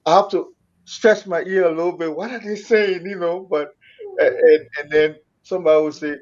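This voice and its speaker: Higher-pitched Liberian man, dull audio. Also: steady tone, normal speed, darkish tone. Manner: repeats phrases, explanatory. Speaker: talk show participant. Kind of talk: conversational talk show discussion.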